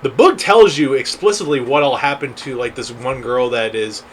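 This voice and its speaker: A man's voice: mid-range voice, moderate pace, a little hiss or hum, rough recording. A man from the American South co-hosting a film podcast, talking casually in a rambling way full of "like" and restarts. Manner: rambling, filler-heavy, restarts with "like". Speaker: podcast co-host. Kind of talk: casual chat about films.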